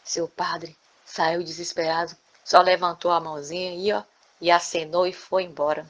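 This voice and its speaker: A woman storyteller telling a folk tale in an animated way, often adding tag questions. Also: fairly low pitch, moderate pace. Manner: lively, frequent tag questions.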